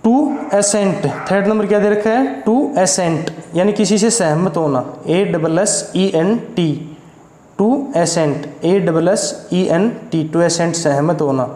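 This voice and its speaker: Indian male tutor, unhurried, spells words out letter by letter, roomy reverberant recording. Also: sits high, mellow. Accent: Indian English. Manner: corrects his own slips. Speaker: vocabulary teacher. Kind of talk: spelling-out vocabulary lesson. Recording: echoey room with long reverb.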